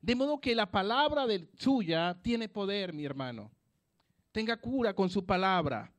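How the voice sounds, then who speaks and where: High-voiced man preaching a slow sermon. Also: big pitch swings. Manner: emphatic, repeating phrases, swinging between loud and soft.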